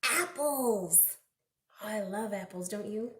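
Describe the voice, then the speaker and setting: With a fairly bright, medium-pitched voice, a librarian reads to small children in an animated, slow manner. She reads expressively and asks them simple questions along the way. The recording was made indoors in a roomy, echoing space.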